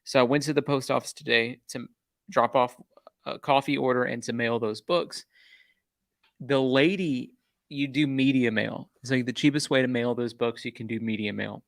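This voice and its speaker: Gravelly-voiced man rambling on a livestream. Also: medium pitch, fairly even intonation, normal speed, dry recording, studio quality. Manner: rambling, exasperated storytelling with many restarts. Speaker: YouTube true-crime channel host. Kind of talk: casual livestream chat.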